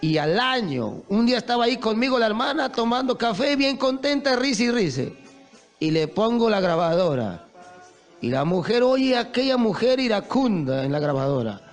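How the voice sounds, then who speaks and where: A male preacher delivers an impassioned sermon in a high voice. His pitch leaps and falls as he acts out stories. Faint music plays underneath. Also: very animated, moderate pace. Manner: impassioned, storytelling with acted quotes.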